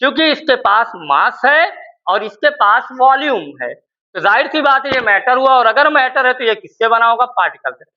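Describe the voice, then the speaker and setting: A man's voice: very high voice, expressive, normal speed, dull audio. A male chemistry teacher giving a classroom lecture, dictating notes word by word and answering his own questions with repeated key words.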